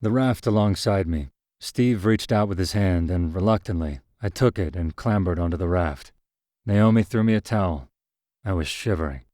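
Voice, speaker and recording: A low-voiced man narrates a scripted first-person story in a measured, even storytelling manner. The recording is dry and close-miked.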